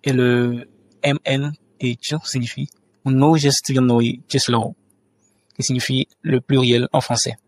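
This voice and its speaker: A man's voice: medium pitch, little pitch movement, slow pace. A man teaching a language lesson over a screen-share tutorial, hesitant, with many fillers and restarts.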